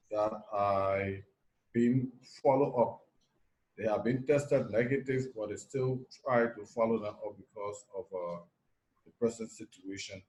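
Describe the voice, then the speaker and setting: A man from Liberia, a nurse anesthetist, speaks in a lowish voice on a video call. He answers in a measured, factual way, pausing often with fillers. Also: a little mellow, poor audio.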